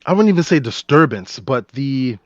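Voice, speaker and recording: A man co-hosting a podcast in casual chat, excitable and rambling with lots of restarts. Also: mid-range voice, moderate pace, no echo, highs cut off. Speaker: podcast co-host.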